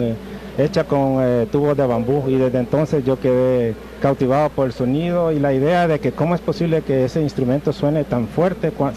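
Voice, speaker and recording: A man from Guatemala, a guest author answering interview questions in a measured, thoughtful way with frequent hesitations. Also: mid-range voice. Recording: noisy outdoor traffic background.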